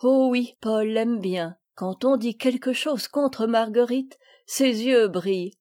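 An eager, brotherly boy, voiced by a woman reading a storybook. Lively in manner, with a soft, mellow tone and a dry close sound. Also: on the high side, takes it slowly, no echo. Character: kind, brotherly young boy.

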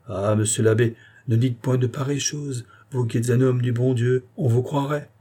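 A man's voice: mid-range voice, steady tone, moderate pace, warm tone, husky, pitched above the performer's own voice, close to an everyday voice. A man voicing a miserly, pious old spinster aunt who protests in a plaintive, whining way.

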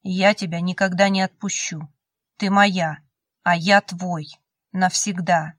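A woman's voice: fairly low pitch, fairly even intonation, slow pace, no room sound, clean studio sound. Woman voicing a pleading, possessive young lover. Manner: insistent, pleading. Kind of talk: audiobook character voice.

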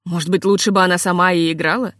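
A woman's voice: fairly low pitch, fairly even intonation, quick pace, a bit bright, no room sound, clean studio sound, natural voice. A woman voicing a weary, self-reproaching middle-aged male composer in a storybook reading. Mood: gloomy.

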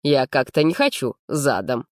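A woman reading an audiobook, voicing a cocky, mocking rich young man in a slow, teasing drawl. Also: extremely low pitch, animated, no echo, clean studio sound, voice pushed down.

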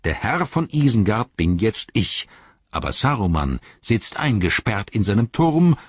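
A man reading an ancient tree-giant who speaks slowly and deliberately, each word weighed. The voice sits very low and rumbles with a husky grain. It comes through a dull, muffled audiobook recording. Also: very animated, no echo, full character voice. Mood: stern.

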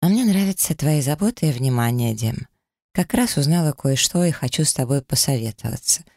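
A man voicing an affectionate young woman who is easily hurt, reading her lines in a raised, soft, pleading tone for an audiobook. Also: mid-range voice, animated, fairly quick, gravelly, no echo, clean studio sound. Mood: tender.

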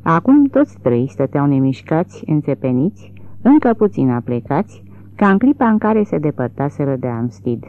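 An audiobook reader narrating a literary novel in an expressive, dramatic way, recorded with a tinny, narrow sound. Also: mid-range voice, no echo.

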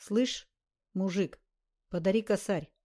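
A woman's voice: medium pitch, slow pace, mellow. A woman voicing a cold, mocking male killer who taunts in short lines.

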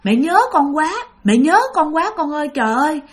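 A woman's voice: high-pitched, lively intonation, a little fast, voice pushed up. A woman voicing a grieving, pleading mother. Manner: tearful, pleading. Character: grieving mother pleading with her dead son.

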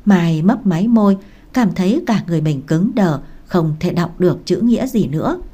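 A woman reads a romance novel aloud in an even, measured way. Her voice sits low and has a mellow tone. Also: slightly rough. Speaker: narrator. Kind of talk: audiobook narration of a romance novel.

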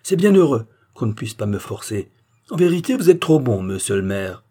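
A man's voice: medium pitch, animated, moderate pace, mellow, husky. A man voicing an insolent, angry country priest who hurls curses in an audiobook reading. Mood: scornful.

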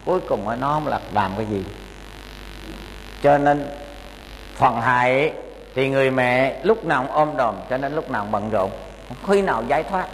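A man's voice: medium pitch, lively intonation, moderate pace, pauses often. A man, a Buddhist monk giving a folksy, admonishing sermon to lay followers in a temple hall. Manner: folksy and admonishing, with humorous anecdotes. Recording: echoey hall with faint hum.

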